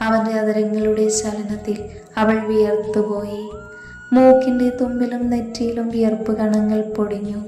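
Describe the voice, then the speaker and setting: A woman reading a romance story aloud in an even, unhurried way. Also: mid-range voice. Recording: roomy echo, faint background music. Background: faint music.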